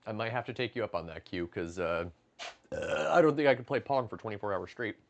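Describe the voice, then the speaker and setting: A man's voice: on the low side, a little fast, gravelly. Casual, profane man in his late twenties. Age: late 20s. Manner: profane, joking, reading chat aloud. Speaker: livestreamer. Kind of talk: casual livestream chat while cooking. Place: home kitchen, stepping outside to smoke.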